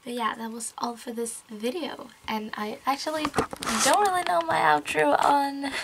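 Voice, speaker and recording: A young Swedish YouTuber with a Swedish accent rambles chattily through a spooky tale in her vlog, often slipping into whispers and giggles. Her high voice has vocal fry, fairly even intonation, and normal speed. Loud spooky music plays, and the recording is very noisy.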